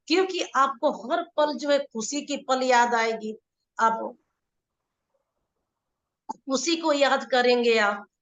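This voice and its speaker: A woman's voice: fairly high pitch, a bit bright, echoey room. A woman life coach teaching a live online session, explaining and repeating her points as she speaks directly to viewers.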